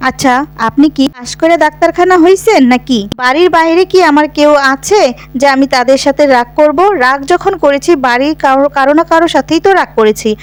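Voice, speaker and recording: A woman's voice: sits high, brisk, close to an everyday voice. A woman voicing a feisty, sulking young woman who answers with teasing, rustic turns of speech. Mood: sulky.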